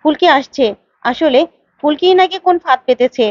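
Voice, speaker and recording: A woman's voice: sits high, normal speed, a little mellow, no echo, lo-fi sound, natural voice. A woman voicing a flustered, eager man. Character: flustered man posing as a bride's father.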